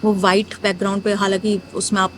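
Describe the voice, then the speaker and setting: A woman's voice: medium pitch, flat delivery, a little fast, slight background noise. A young woman from northern India, a muralist, telling her story frankly in a casual interview, mixing Hindi with English. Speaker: muralist guest.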